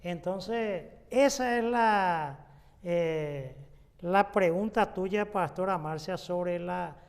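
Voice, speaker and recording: A man's voice: high voice, extremely slow, long reverb tail. A man, a pastor giving an exegetical Bible lesson, explaining unhurriedly with frequent fillers and restarts. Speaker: pastor teaching a Bible study.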